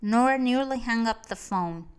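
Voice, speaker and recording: Smooth-voiced woman audiobook narrator. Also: on the high side, moderate pace.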